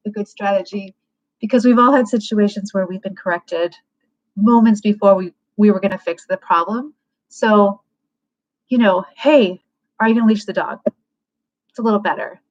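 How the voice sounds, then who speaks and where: Woman, casual livecast advice, frank, thinking aloud, fillers, middle pitch, dull lo-fi audio. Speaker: livecast host giving advice.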